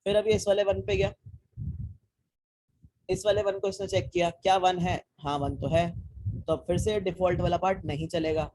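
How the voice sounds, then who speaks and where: A man's voice: high voice, flat delivery, moderate pace, pauses often, darkish tone, a little hiss or hum, poor audio. A young man teaching a live online coding class, talking students through code step by step, asking them questions and mixing English technical terms into casual Hindi. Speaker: programming teacher.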